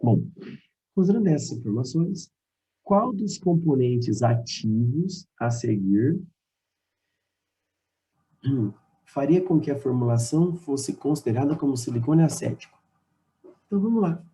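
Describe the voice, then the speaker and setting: A Brazilian Portuguese man teaching a chemistry lesson, walking students through an exam answer. His voice is very dark and mellow. He talks to the class directly and drags out each formula step by step. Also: medium pitch, animated, rough recording. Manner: explanatory, addresses students directly, repeats formulas slowly.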